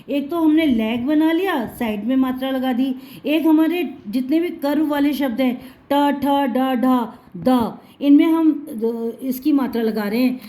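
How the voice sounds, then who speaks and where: A high-pitched woman with a mellow, warm tone teaches young students a spelling lesson. She breaks words into syllables and repeats them slowly and patiently, calling the learner "child" as she goes. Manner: calls the listener "child" affectionately. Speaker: Hindi teacher.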